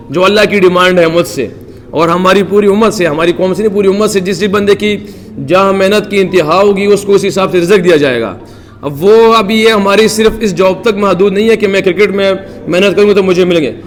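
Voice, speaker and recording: Earnest and devout, a man from Pakistan who plays cricket fields press-conference questions, peppering his replies with religious phrases. He speaks in a high pitch, and the room sounds big.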